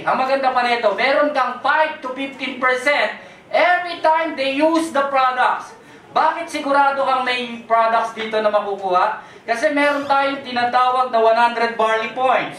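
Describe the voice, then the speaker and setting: A presenter pitches a business opportunity to a live crowd, quizzing people with quick questions and teasing jokes. The voice sits at a middle pitch and sounds distant from the mic. It rings through a reverberant event hall. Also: fairly bright tone. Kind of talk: lively sales pitch, mixing Tagalog with English.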